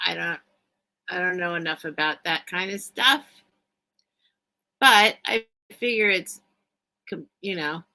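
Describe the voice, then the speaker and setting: A woman's voice: fairly low pitch, bright, forceful tone, low-quality recording. A woman hosting a casual livestream sale of vintage items, thinking aloud and chatting in a rambling way. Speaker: online seller, host of live sales. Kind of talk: casual livestream sales chat.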